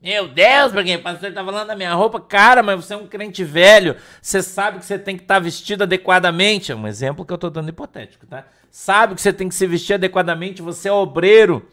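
Bright high-voiced scolding Brazilian pastor. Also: male voice, fast, few pauses. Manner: blunt, scolding, slangy, mimics whiny congregants. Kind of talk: blunt informal sermon.

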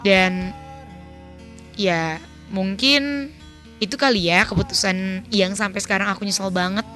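A woman's voice: mid-range voice, measured pace, bright, forceful tone, soft background music. A young woman narrating a dramatized personal story in an emotional, confessional, casual way.

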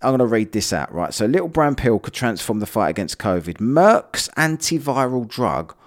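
A man's voice: medium pitch, big pitch swings, normal speed. A man hosting a solo podcast, ranting bluntly about the news with frequent swearing. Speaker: podcast host. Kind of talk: casual solo commentary.

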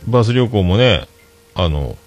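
A man's voice: fairly low pitch, lively intonation, moderate pace. A man hosting a casual solo livestream, rambling through his week in a chatty, self-mocking way. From Fukuoka, Japan. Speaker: livestream host.

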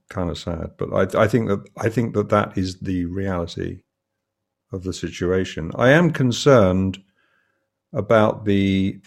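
A man's voice: deep voice, vocal fry, darkish tone, husky. An older man co-hosting a podcast, talking hesitantly with many fillers. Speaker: podcast co-host. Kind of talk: casual podcast chat.

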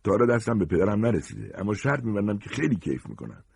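A man's voice: on the low side, big pitch swings, gravelly, a little mellow, breathy edge, dry recording, pitched above the performer's own voice, exaggerated voice. A man voicing a cruel young gang leader who taunts his friend with contempt. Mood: taunting.

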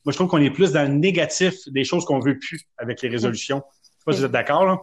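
A chatty man with a Québécois French accent and a fairly high voice, co-hosting a casual podcast chat. He tells stories loosely and pokes fun at himself. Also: quick pace. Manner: chatty, self-mocking, storytelling. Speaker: podcast co-host.

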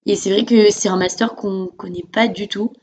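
A woman's voice: mid-range voice, fairly even intonation, slow pace, darkish tone, a little hiss or hum. A young woman hosting a casual student podcast interview in an informal, encouraging way. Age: young adult.

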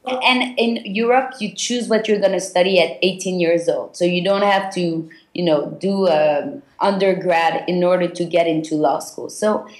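A woman from Belgium, a guest on a podcast interview, speaking reflectively and haltingly with many fillers. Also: on the low side, roomy sound.

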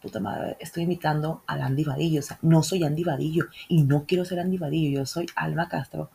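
A woman's voice: low voice, fairly even intonation, brisk, gravelly, mellow, husky. A young woman from northern Mexico with a northern Mexican accent, hosting a casual solo podcast in a chatty, slangy way. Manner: chatty, slangy, swears freely. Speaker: podcast host.

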